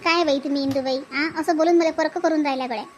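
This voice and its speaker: Woman voicing chatty older village woman, rambling, quick, high cartoon voice. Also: fairly even intonation, highs cut off, lightly acted. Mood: modest. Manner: rambling and self-justifying.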